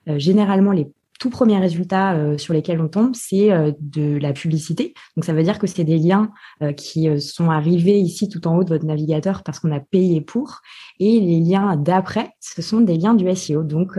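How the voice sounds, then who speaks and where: A woman's voice: fairly low pitch, mellow, husky. A woman guest on a podcast interview, explaining her work with many hesitations. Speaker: podcast guest, digital marketer.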